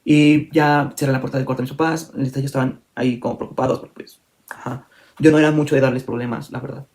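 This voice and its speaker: A young man recounts a personal story to his viewers. He rushes through it at a quick clip, candid and a little rambling, correcting himself as he goes. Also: mid-range voice, steady tone, darkish tone. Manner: fast, candid, full of fillers and self-corrections. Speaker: vlogger.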